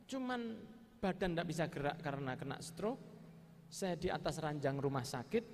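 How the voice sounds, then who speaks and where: An older man with an East Javanese accent telling a story as a preacher, mixing in Javanese phrases and acting out quiet dialogue. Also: sits high, slight background noise. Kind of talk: storytelling sermon. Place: large hall at a religious gathering. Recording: long hall reverb, faint ambience.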